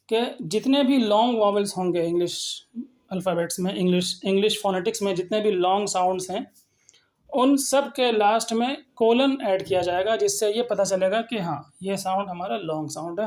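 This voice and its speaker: A woman's voice: mid-range voice, moderate pace, darkish tone. A woman teaching phonetics in a recorded lesson, explaining patiently and repeating example words. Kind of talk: recorded lecture with slides.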